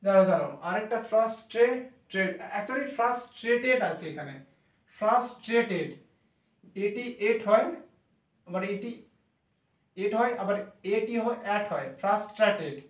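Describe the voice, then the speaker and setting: A man's voice: sits high, expressive, normal speed, recorded from a distance. A male teacher explaining English pronunciation, spelling words out and repeating each sound letter by letter. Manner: repetitive, drills sounds letter by letter. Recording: echoey room, voice from off the mic.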